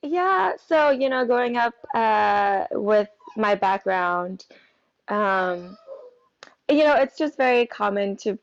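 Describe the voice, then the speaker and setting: A woman's voice: medium pitch, animated, slow. Chatty woman guest, slightly dull sound. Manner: cheerful, chatty, frequent fillers and laughter. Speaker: guest photographer. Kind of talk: casual interview.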